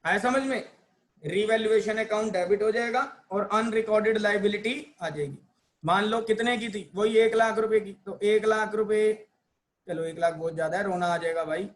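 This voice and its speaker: A man's voice: high voice, moderate pace. A man teaching accounting in a playful lecture, acting out joy and dismay and quizzing his students. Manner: asks students questions and answers them himself. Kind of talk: classroom lecture.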